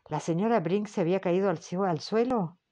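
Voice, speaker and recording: Formal male interrogator, measured and patient; woman audiobook reader doing him. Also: mid-range voice, warm tone, close to an everyday voice. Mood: probing. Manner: slow, formal, questioning. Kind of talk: audiobook character reading.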